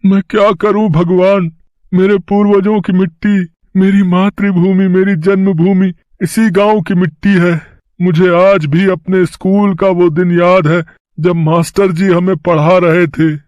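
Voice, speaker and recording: A man's voice: high voice, level tone, measured pace, darkish tone, dry recording, highs cut off. A man voicing a stubborn, earnest village farmer in a cartoon, devoted to his land. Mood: sorrowful. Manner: earnest, emotional. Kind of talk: cartoon voice acting.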